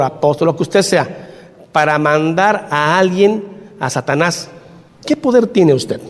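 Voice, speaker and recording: A man preaching a sermon, animated, shifting between loud emphasis and quiet asides. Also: high voice, in a large hall. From Mexico.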